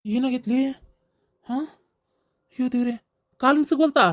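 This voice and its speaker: A woman with a North Karnataka Kannada accent voicing a calm, practical middle-aged village husband in a comedy skit. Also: high-pitched, normal speed, voice pushed down, natural voice.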